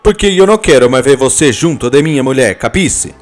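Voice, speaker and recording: A man voicing a jealous, hot-tempered Italian husband with an Italian accent, fast and scolding. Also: medium pitch, animated, soft background music, lightly acted. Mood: angry.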